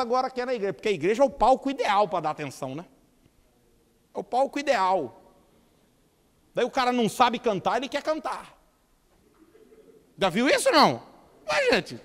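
High-voiced pastor preaching with humor. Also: male voice, moderate pace, pauses often, big-room sound. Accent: Brazilian Portuguese, São Paulo state. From Brazil. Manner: lively, humorous preaching, acting out quoted people, calls the congregation to repeat. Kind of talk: sermon. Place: church hall.

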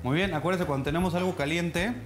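A man's voice: on the high side, quick pace, over music. A man, a TV chef explaining a recipe to viewers as he cooks, in a studio kitchen. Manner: explanatory, addresses viewers directly with frequent "¿vale?". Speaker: TV cooking show chef. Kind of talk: cooking demonstration.

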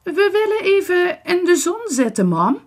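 A woman's voice: very high voice, voice pushed up, full character voice. A woman voicing an eager, scheming young boy in a children's storybook reading. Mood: innocent. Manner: excited, pushy, quick to tease.

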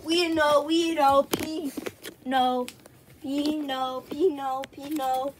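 A woman with a high voice plays along in a toy skit and gives orders in a bossy, dramatic tone. A noticeable layer of noise sits over the home recording. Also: steady tone, slow.

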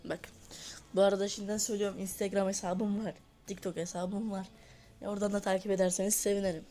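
A woman giving casual gameplay commentary on a mobile football match, excitable and scolding her players, her voice sounding a little hoarse. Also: mid-range voice, fast talker.

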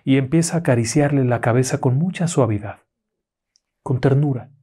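Guy telling a scary story, slow and dramatic, middle pitch. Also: warm tone, slightly rough. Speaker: narrator. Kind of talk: horror storytelling.

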